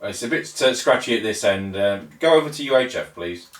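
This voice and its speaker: Homem chamando pelo rádio, distante. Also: male voice, fairly low pitch, lively intonation, fairly quick. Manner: brief, procedural call-and-response. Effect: heard over a two-way radio. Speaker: amateur radio base station operator. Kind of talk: radio procedure calls. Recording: distant, roomy radio audio with faint noise.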